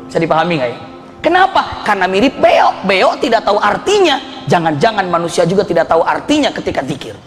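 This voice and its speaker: Middle-aged male preacher, high-pitched and animated, in an echoing hall with faint music behind. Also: a little fast. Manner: animated, jumps high in pitch for emphasis, laughs often. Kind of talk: lively sermon with stories.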